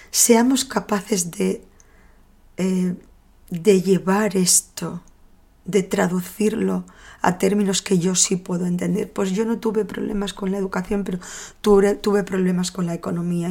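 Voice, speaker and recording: A woman's voice: mid-range voice, level tone, normal speed, dark tone. A middle-aged woman, a therapist hosting a podcast, talking thoughtfully through anecdotes. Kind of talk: reflective podcast monologue.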